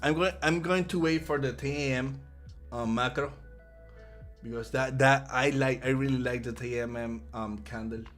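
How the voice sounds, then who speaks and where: Puerto Rican man, mid-range voice, relaxed live-stream trading commentary with faint music behind. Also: medium pitch, moderate pace. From Puerto Rico. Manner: casual, repeats words often while thinking aloud.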